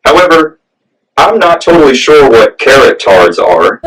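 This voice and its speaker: A man from the American South doing a stand-up set, telling stories in a deadpan way. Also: a little high. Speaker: stand-up comic. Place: comedy club stage with audience. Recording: distant mic, loud crowd.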